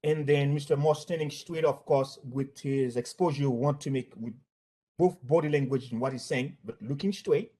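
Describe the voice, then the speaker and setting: Here the former bank worker from Haiti speaks at a medium pitch with a dark tone and a Haitian accent. He describes workplace incidents unscripted, hesitating and repeating himself frequently.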